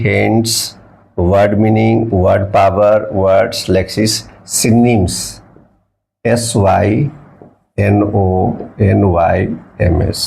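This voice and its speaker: A man gives an English vocabulary lesson at an unhurried, deliberate pace. His voice has a gravelly edge, and he spells out words letter by letter, now and then drifting away from the mic as he writes. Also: on the low side, a little mellow. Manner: repeats key words and asks the viewer questions. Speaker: English teacher. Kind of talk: classroom-style vocabulary lesson.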